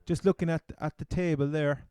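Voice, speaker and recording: Irish man with a mellow Cork accent. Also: fairly high pitch, steady tone, fairly quick, clean tone, no echo. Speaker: fantasy football podcast co-host. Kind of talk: casual sports chat.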